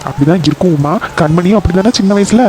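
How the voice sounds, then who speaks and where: A voice actor playing a calm, caring young father in a cartoon, reassuring his wife. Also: medium pitch, fast talker, a little hiss or hum, lightly acted. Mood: tender. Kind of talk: cartoon voice acting.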